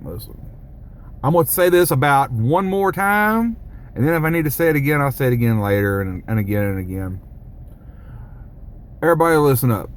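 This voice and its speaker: A man's voice: medium pitch, slight background noise. A man who rambles, jokes and swears through a casual vlog monologue. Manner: rambling, joking, profane. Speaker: vlogger.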